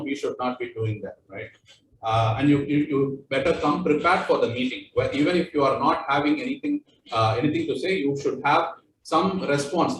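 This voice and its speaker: A man's voice: mid-range voice, slight background noise. A man with an Indian accent giving a workplace training talk, with loose, repetitive phrasing and many fillers. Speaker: corporate trainer. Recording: echoey room, voice far from mic.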